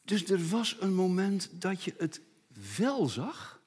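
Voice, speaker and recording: A man's voice: sits high, slow pace, slightly rough. A middle-aged man preaching a sermon in a dramatic, emphatic way, acting out the people he talks about. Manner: dramatic, emphatic, acts out voices. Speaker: pastor.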